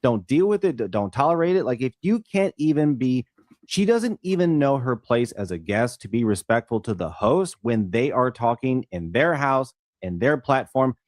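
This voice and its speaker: A man's voice: medium pitch, very animated, moderate pace, dry recording, studio quality. A man on a reaction stream giving opinionated, speculative commentary on a clip.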